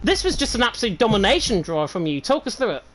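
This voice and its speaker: A woman's voice: fairly high pitch, big pitch swings, fast, poor audio. Upbeat woman calling a sim race. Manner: upbeat, chatty, rattles off results. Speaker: race commentator. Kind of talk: live esports race commentary.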